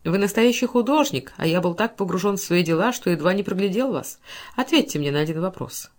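A woman voicing a wealthy middle-aged man who speaks softly and admiringly to a young woman. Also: lowish voice, animated, brisk, natural voice.

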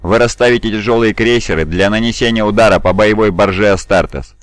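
A man's voice: fairly low pitch, brisk, no room sound, natural voice. A man voicing a stern, domineering male lord-commander giving cold orders. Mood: commanding.

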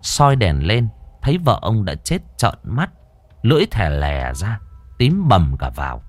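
A man narrates a ghost story in a very deep voice that rises and falls dramatically. His delivery is suspenseful, and the recording is dry and close with no room sound. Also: wildly swooping pitch, a little slow, dry recording.

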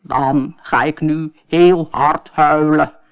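Woman doing a slow, pleading talking frog. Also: low voice, steady tone, lo-fi sound. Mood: coaxing. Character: patient, gentle male frog. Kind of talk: storybook reading.

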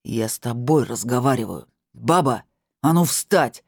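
A man's voice: mid-range voice, expressive, unhurried, vocal fry, breathy edge, no room sound, clean studio sound, heavily acted. A woman voicing a furious, bullying middle-aged husband who barks and growls his demands in an audiobook. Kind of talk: audiobook character voice.

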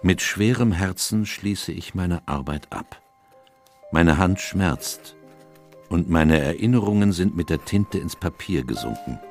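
A man's voice: sits low, darkish tone, full character voice. An actor playing an aged, melancholy English doctor who solemnly narrates his memoirs in a literary radio drama. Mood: weary, melancholy. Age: older. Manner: solemn, reflective. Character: aged doctor Watson, weary melancholy chronicler of his friend's cases.

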